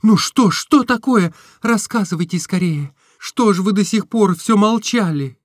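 A man's voice: high voice, expressive, measured pace, no room sound, clean studio sound, pitched above the performer's own voice. A man voicing an impulsive, lovestruck young woman in a storybook reading, with breathless, emotional exclamations. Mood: eager. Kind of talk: audiobook reading.

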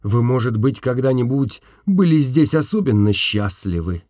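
A man's voice: medium pitch, moderate pace, dry recording. Guy narrating a story in first person, dreamy and emotional, dry close sound. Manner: emotional, dreamy, expressive reading.

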